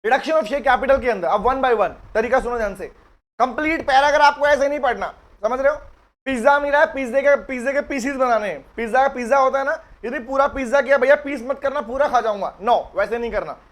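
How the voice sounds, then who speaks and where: A man's voice: very high-pitched, brisk, fairly bright tone. A man teaching company law in a live online class, chatty and teasing with his students.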